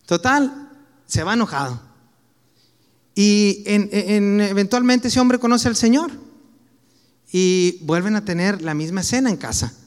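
Mexican male preacher, high register, relaxed anecdotal sermon delivery with slang; long hall reverb. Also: unhurried, long pauses. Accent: Mexican Spanish.

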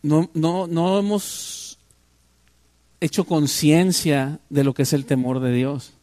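A man's voice: fairly high pitch, fairly even intonation, takes it slowly, mellow, no echo. An older man, preaching a sermon and putting rhetorical questions to his congregation. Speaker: pastor.

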